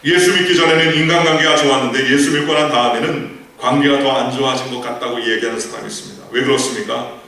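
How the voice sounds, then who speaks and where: A man's voice: mid-range voice, fast talker, sharp tone. A male pastor preaching a sermon, telling a story with rhetorical questions and quoted lines. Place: large church sanctuary. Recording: echoey church hall from far off.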